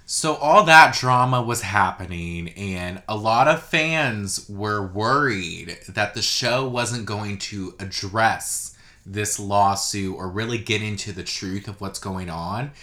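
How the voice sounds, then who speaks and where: A man's voice: lowish voice, pushed and bright. Chatty gossiping man in an echoey room. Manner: chatty and gossipy, with many "like" fillers. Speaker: podcast host. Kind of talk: casual solo podcast chat.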